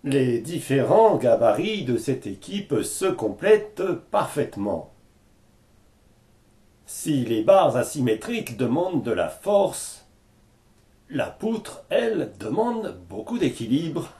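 A man reading a scripted news report as a voice-over, in a measured and unhurried way. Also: medium pitch, big pitch swings, mellow. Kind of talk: scripted narration.

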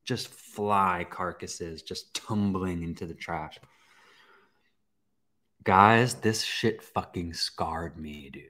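A young man hosting a podcast, telling a personal story in a casual, animated way, with swearing and acted-out reactions. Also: deep voice, slow pace. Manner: animated, swearing, acts out his own reactions. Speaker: podcast host.

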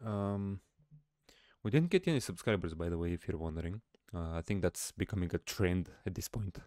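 A young adult man talking in a casual, low-key way as a streamer giving a vlog update, close on a studio mic. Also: lively intonation, moderate pace, a little mellow, no echo. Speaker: streamer and vlogger. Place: small home room, indoors. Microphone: close studio mic on a boom arm.

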